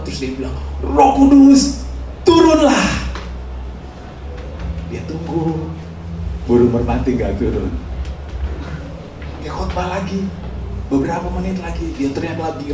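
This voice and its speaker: A male pastor preaching a sermon in a church hall, telling a story in a colloquial way and often prompting "amin". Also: medium pitch. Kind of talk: sermon with a told anecdote. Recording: echoey hall, mic from far off, faint noise.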